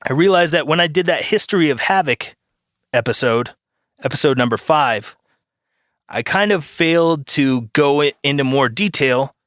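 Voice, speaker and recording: A man's voice: medium pitch, fairly bright tone, smooth, no room sound, studio quality. A man hosting a solo podcast, rambling and opinionated with many fillers. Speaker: podcast host.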